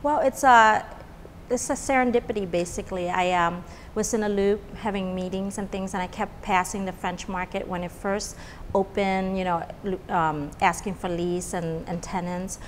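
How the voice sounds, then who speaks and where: A middle-aged Vietnamese restaurant owner talks in a casual interview in her restaurant's dining room. She's chatty and rambling, full of fillers and restarts, with a mid-range, steady voice at a moderate pace. The recording has a long reverb tail and a little hiss or hum.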